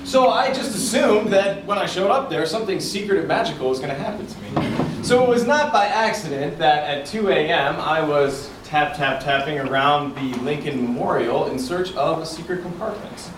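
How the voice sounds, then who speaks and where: A man giving a tall tale speech in a theatrical storytelling manner with deliberate dramatic pauses, recorded indoors. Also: a little high, animated. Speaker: contestant in a club speech contest. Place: indoor room before an audience. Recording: echoey room, far from mic, noisy.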